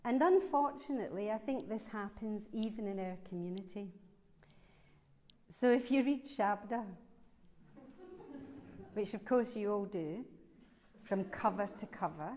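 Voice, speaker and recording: A woman's voice: medium pitch, lively intonation, a little slow, pauses often, darkish tone. A woman with a broad Glaswegian Scottish accent gives an informal Dharma talk, telling stories in a conversational, wryly humorous way. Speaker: Buddhist teacher giving a talk. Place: large reverberant hall, speaking to a gathering. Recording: long hall reverb.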